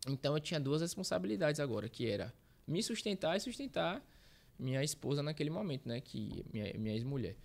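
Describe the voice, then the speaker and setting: A man's voice: fairly high pitch, sing-song, quick pace, creaky, darkish tone. Rambling Brazilian man telling his story. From Bahia, Brazil. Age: 30s. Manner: rambling, self-correcting, uses slang fillers. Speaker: guest, street reporter. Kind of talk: casual interview storytelling.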